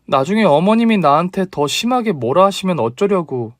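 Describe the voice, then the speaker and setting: A meek, polite young daughter-in-law, as a male narrator puts her on, raised well above his natural pitch. She sounds hesitant and stammers at times, in a dry, close storybook reading. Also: sing-song, moderate pace, no room sound.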